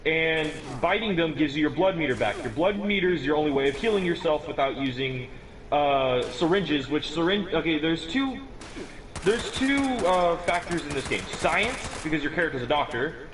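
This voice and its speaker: This is a teen boy's fairly high, animated, slightly bright voice at an ordinary pace, describing a game build in loose conversation. He wanders, restarts frequently, and chuckles at himself. The audio is poor, with slight background noise.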